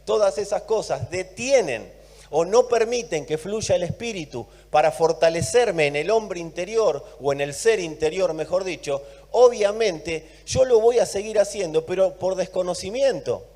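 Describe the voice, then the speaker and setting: A man with an Argentine accent preaching a sermon, emphatic, swinging between loud and soft and repeating words for emphasis. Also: sits high, expressive, normal speed, in a large hall. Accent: Argentine Spanish. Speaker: pastor.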